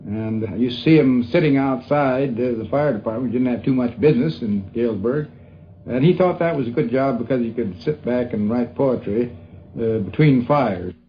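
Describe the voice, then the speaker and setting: An older, educated American man reminisces hesitantly and off the cuff in a dull 1950s radio interview, speaking as a university academic. His voice is mid-range and his pace moderate, with a slight hiss or hum on the recording.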